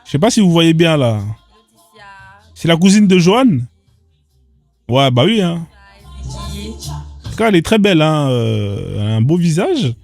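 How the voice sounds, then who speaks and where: Animated man riffing on odd clips. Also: on the high side, unhurried, creaky, pauses often, soft background music. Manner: incredulous, firing rhetorical questions in street slang. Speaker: host reacting to social media clips. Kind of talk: casual reaction commentary.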